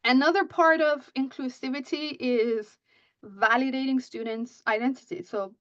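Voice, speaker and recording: A high, steady, slightly bright voice at normal speed belongs to a writing instructor, a Persian native speaker, presenting at a conference on teaching writing. She often asks "right?" and restarts her sentences, in a muffled, dry recording with no room sound.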